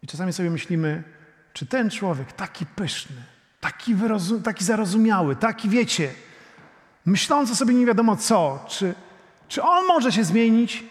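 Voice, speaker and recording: A middle-aged man preaching a sermon, shifting between soft, intimate prayer and loud, emphatic preaching, talking straight to the congregation. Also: sits high, expressive, normal speed. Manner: addresses the congregation directly, often saying "you know". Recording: long hall reverb.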